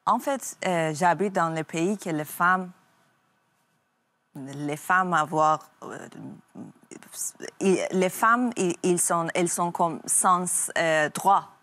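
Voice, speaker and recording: A young woman from Iran, a talk show guest speaking halting French and searching for her words. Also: lowish voice, fairly bright tone.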